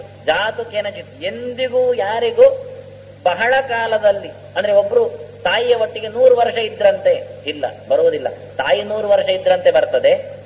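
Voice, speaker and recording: A man giving an epic discourse as a scholar, telling stories and reciting Sanskrit verses slowly. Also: high-pitched. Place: lecture hall. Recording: reverberant hall, faint hum.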